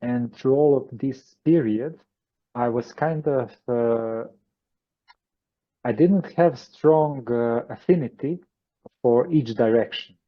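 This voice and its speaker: A man from Croatia with a Croatian accent, answering interview questions as a guest, pausing often with fillers and restarts over a video call. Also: medium pitch, dull audio. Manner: hesitant, many fillers and restarts. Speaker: guest channeler.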